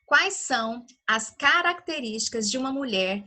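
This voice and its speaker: A woman's voice: fairly high pitch, expressive, moderate pace, sharp tone. A woman teaching a women's Bible study in a livestream, chatty and full of rhetorical questions. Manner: conversational, asks rhetorical questions, frequent "né?".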